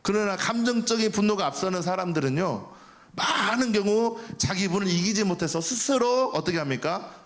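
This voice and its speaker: Lively, animated Korean pastor preaching. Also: male voice, sits high, normal speed. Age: young adult. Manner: conversational preaching with rhetorical questions; acts out quoted angry speech. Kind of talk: sermon.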